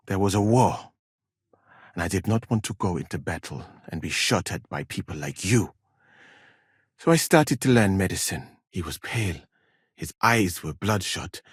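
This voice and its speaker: Musa of Mali, a deep, husky physician. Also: male voice, no echo, studio quality, full character voice. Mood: explaining, dignified. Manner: formal, measured, dignified, courteous. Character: learned, proud, courteous Malian physician at a medieval court. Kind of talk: video game character dialogue.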